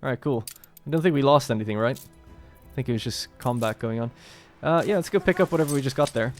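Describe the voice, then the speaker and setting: A man's voice: mid-range voice, fast talker, faint music behind. A man hosting a let's play, talking casually and thinking aloud as he plays a strategy game. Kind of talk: gameplay commentary.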